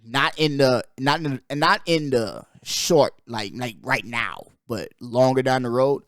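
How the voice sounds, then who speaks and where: A man's voice: mid-range voice, takes it slowly, fairly bright tone, no room sound, studio quality. A young man from the Bahamas hosting his podcast, talking in a rambling, emphatic way and peppering his talk with "bro" and "like". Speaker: podcast host. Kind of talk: casual chat.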